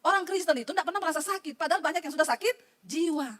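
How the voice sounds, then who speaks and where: A woman's voice: very high voice, rapid-fire. A woman pastor preaching a sermon to her congregation, talking colloquially and directly to them and acting out the people she quotes. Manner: lively, colloquial, addresses the congregation directly, acts out quoted voices. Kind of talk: sermon with storytelling.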